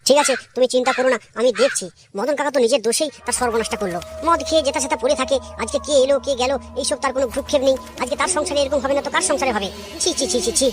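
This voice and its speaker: A woman's voice: high voice, rapid-fire, few pauses, music in the background, close to an everyday voice. A woman voicing a chatty older village man who likes to drink, in a cartoon. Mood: disapproving. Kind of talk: cartoon voice acting.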